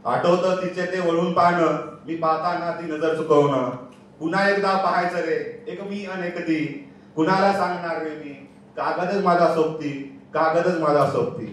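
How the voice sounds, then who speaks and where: A man's voice: fairly high pitch, fairly even intonation, unhurried. A young man reciting a wistful love poem on stage, repeating lines for emphasis. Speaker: student poet. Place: large echoey hall on stage. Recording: echoey hall from far off, faint noise.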